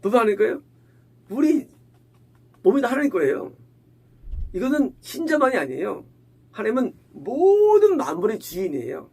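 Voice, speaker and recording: A man's voice: extremely high pitch, very animated, normal speed, vocal fry, long pauses, darkish tone, husky. A male pastor preaching a sermon in a conversational way, asking the congregation questions and acting out quoted lines. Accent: Korean. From Korea.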